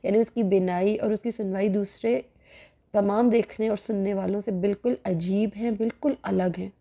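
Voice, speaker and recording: Woman religious lecturer, earnest and admonishing, dark gravelly voice, repeats lines for weight. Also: mid-range voice, fairly even intonation. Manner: mixes English words into her talk. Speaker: Quran teacher.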